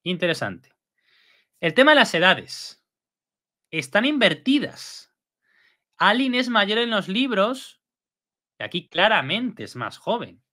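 Chatty guy breaking down an episode, bright voice, bouncy pitch. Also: slow, long pauses. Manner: chatty, lively, with frequent fillers and tag questions. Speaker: video host.

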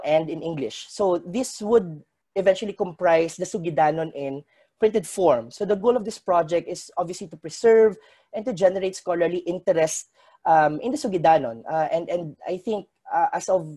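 An academic presenter whose first language is Hiligaynon gives a conference paper talk from an indoor room over a video call webcam. His voice is mellow and fairly high-pitched, and his lecturing is measured and scholarly, with frequent pauses.

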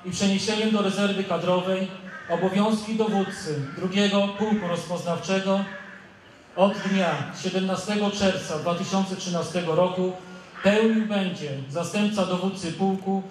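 A man's voice: high voice, steady tone, normal speed. A military officer, a man, formally reading official orders into a stand microphone at an outdoor ceremony. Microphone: stand microphone through loudspeakers. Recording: echoing outdoor PA, distant, faint noise.

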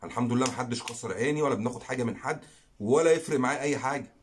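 A man's voice: medium pitch, rapid-fire, slight background noise. A man with an Egyptian Arabic accent, hosting a fishing channel and making an earnest, pleading direct-to-camera appeal, repeating phrases for emphasis.

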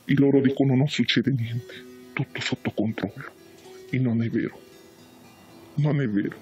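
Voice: mid-range voice, steady tone, normal speed, darkish tone, lo-fi sound, faint music behind. Distorted anonymous voice, blunt and insistent. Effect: voice electronically distorted to hide identity. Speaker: anonymous care home worker speaking out. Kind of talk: anonymous interview in a TV news report.

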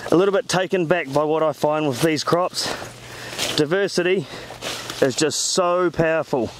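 An eager man talks as he wanders through a field outside, his voice a bit on the high side. He is recorded on a handheld camera, with faint outdoor noise behind him. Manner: enthusiastic, chatty, exclaiming. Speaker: farm advisor. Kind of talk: walking field talk. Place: outdoors in a tall crop field.

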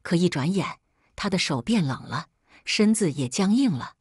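A woman with a lowish, husky voice tells a first-person story, measured and sorrowful. The sound is close and dry, with no room around it. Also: animated, darkish tone, no echo. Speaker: story narrator.

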